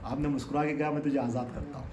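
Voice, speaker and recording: A man delivers a sermon, telling stories and asking rhetorical questions. His voice sits high and rises to emphatic peaks. The room around him is echoey, with a faint ambient hum. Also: steady tone. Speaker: preacher. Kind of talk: Urdu religious sermon.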